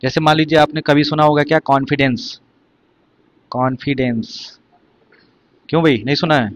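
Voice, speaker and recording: A man's voice: fairly high pitch, level tone, very fast. A man teaching an exam vocabulary lesson, explaining words one by one and quizzing his students.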